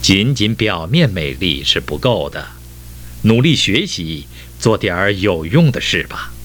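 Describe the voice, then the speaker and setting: Man as a calm, wise sun. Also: low-pitched, unhurried, full character voice. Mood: advising. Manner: gentle advising tone.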